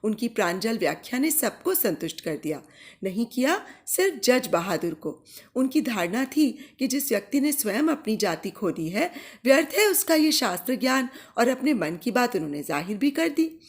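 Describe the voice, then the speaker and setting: A woman narrating a literary short story in a measured, expressive reading voice. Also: fairly high pitch.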